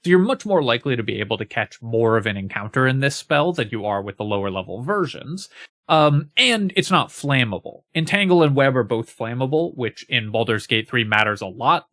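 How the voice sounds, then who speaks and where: A man in a mid-range voice walks through game spells in a steady, analytical way, sprinkling his talk with fillers. His voice sounds dry and close, with no room around it. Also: mid-range voice, no room sound. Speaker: game guide creator. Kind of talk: casual spoken analysis.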